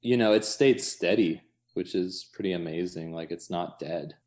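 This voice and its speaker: This low-pitched American man, a coffee shop owner, speaks at a moderate pace with a darkish tone. In the interview he thinks out loud casually, in loose fragments peppered with "like" and "you know."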